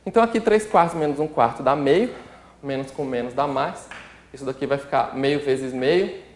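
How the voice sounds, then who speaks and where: A man with a Brazilian Portuguese accent, working as a math instructor, teaches calculus step by step at a normal speed and medium pitch. He works through sums while writing them out and checks in with the listener often, and the room gives a roomy echo.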